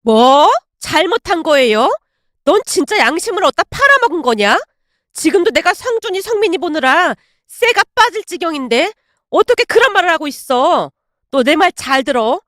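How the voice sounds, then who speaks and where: Fierce scolding mother, done by a woman narrator for a storytelling video; high, loud and biting, dry close sound. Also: big pitch swings, normal speed, dry recording. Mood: furious. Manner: scolding, shouting. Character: angry middle-aged mother, sharp-tongued and fierce.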